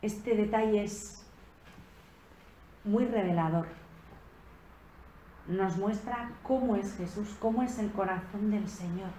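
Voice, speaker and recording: A woman giving a slow, reflective sermon on a Gospel passage at a retreat, rising in emphasis on key phrases. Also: medium pitch, mellow. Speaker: preacher giving a retreat talk. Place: convent retreat room. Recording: echoey room with faint background noise.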